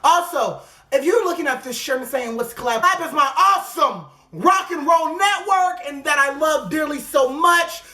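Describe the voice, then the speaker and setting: A man tells a comedic storytime tale for his vlog, dramatic and animated, his voice leaping into high squeals at the big moments. His humor is crude and exaggerated, and he pokes fun at himself. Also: normal speed, few pauses. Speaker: vlogger.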